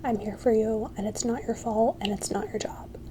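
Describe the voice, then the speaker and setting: A woman giving a whispered ASMR pep talk, soft and halting, reassuring and encouraging. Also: on the high side, fairly even intonation, background noise. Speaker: ASMR creator.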